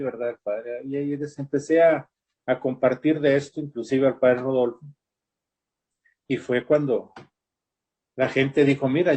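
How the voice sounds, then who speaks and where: Husky older man. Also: mid-range voice, darkish tone. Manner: storytelling, tags lines with "¿verdad?". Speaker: Bible class teacher. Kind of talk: personal testimony in a Bible class.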